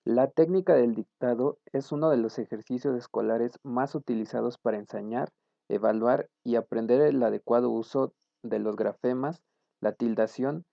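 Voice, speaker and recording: A man, a student, reading his class presentation in a steady, explanatory way. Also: medium pitch, vocal fry, no room sound, lo-fi sound.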